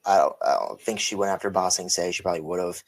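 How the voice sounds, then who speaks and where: Tired, low-voiced man rambling casually. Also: quick pace. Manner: rambling, self-correcting. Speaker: podcast co-host. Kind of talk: casual chat.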